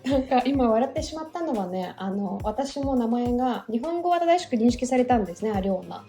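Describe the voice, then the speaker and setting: A woman's voice: a little high, animated, brisk, mellow. A woman with a Russian accent, hosting a casual chat with many fillers. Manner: chatty, many fillers, laughs easily. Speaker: host. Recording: roomy echo with faint background music.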